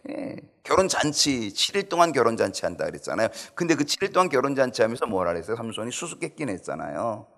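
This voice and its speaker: A man preaching a Bible study sermon, acting out quoted lines with rising emotion. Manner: animated preaching, acts out quoted pleas in high voice. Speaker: pastor.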